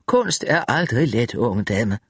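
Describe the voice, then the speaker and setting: A man's voice: medium pitch, very animated, a bit bright, slightly rough, dry recording, full character voice. A man voicing a frail elderly woman who makes dry, teasing remarks. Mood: wry.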